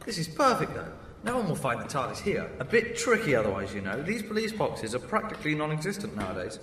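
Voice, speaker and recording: A man's voice: fairly high pitch, wildly swooping pitch, fast talker, a bit bright, slight background noise. An actor playing the Doctor, an eccentric male time traveller with a whimsical, exclamatory manner. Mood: wry. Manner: whimsical, exclamatory, British phrasing. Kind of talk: fan audio drama acting.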